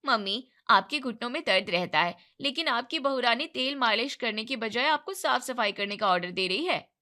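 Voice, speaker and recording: A woman voicing a breezy, careless sister-in-law who talks brisk and offhand, in a storybook narration. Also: fairly high pitch, lively intonation, pushed and bright.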